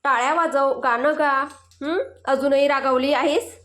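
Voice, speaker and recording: A woman's voice: high voice, steady tone, unhurried, a bit bright. A woman voicing a playful young husband who teases his wife in a storybook reading. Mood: teasing. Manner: teasing, light banter.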